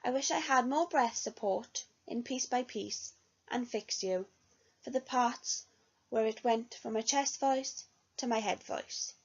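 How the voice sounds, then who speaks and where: Unhurried and a bit breathy, a young music student with a fairly high voice reads aloud an earnest review of her year of singing study. It's a dull, lo-fi recording.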